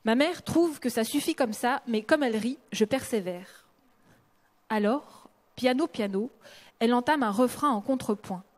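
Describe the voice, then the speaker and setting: A woman novelist reading a passage of her own book aloud in a lively, expressive way. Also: on the high side, normal speed.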